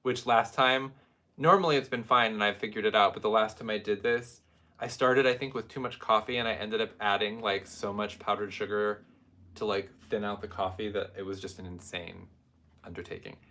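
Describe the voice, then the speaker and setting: A man's voice: lowish voice, fairly even intonation, normal speed, sharp tone. A man co-hosting a casual perfume review, rambling with wry jokes and asides. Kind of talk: casual chat.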